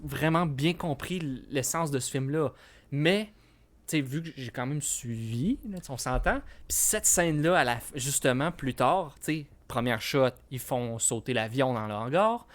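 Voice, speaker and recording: A young man with a Quebec French accent, co-hosting a casual film podcast, hesitant and restarting his sentences often. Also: mid-range voice. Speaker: podcast co-host.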